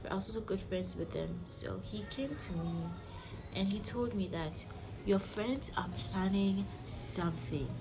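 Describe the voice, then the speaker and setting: A woman tells a story in a casual vlog style, with clearly audible music behind her. Her voice sits at a middling pitch. She is chatty and emphatic, addressing her listeners directly as she goes. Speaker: vlog host.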